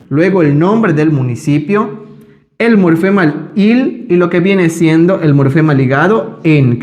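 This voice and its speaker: A man teaching a language lesson, speaking slowly and carefully when he pronounces each example. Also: high voice. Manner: slow, careful pronunciation of examples. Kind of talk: scripted lesson.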